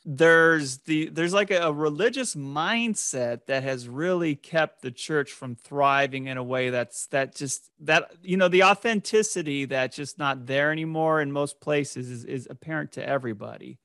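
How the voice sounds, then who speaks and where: A man from Los Angeles hosting a casual conversation, relaxed and reflective, adding short affirmations and laughter. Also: a little high, moderate pace, hardly any pauses, dry recording, studio quality. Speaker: host.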